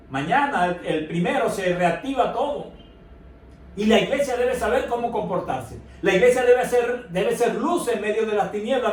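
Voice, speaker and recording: A man preaching a sermon as pastor, stressing his points with slow, emphatic repetitions. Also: high voice. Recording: echoey room, from far off.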